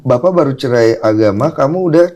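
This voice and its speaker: This interviewer has a mid-pitched, mellow voice and talks quickly. They keep the conversation moving with brief affirmations and pointed follow-up questions. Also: lively intonation.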